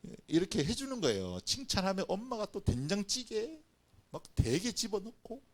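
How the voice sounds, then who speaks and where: Lively, animated male pastor. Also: high voice, normal speed. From Korean coast. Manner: animated storytelling, acting out little scenes. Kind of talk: children's and family sermon.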